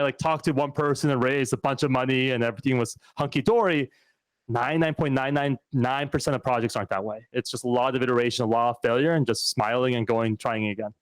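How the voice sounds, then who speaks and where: A man's voice: mid-range voice, no echo. Candid American man, dry close sound. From United States. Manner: thoughtful, candid, many fillers and restarts. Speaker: podcast guest, startup founder. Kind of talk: casual conversational interview.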